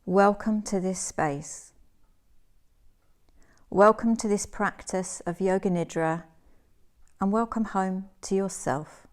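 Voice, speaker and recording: A woman's mid-range voice guides a relaxation meditation in the style of a yoga teacher. She sounds gentle and soothing, and she speaks in measured phrases with pauses.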